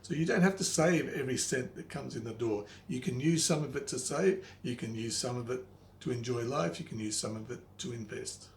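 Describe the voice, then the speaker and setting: An older man speaks at a medium pitch as a wise old mentor, teaching in a motivational monologue. He is plain-spoken and emphatic, restating points firmly. The room rings with echo and there is faint noise behind him. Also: a little fast, vocal fry. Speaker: money coach, presenter. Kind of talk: motivational instructional monologue to the viewer.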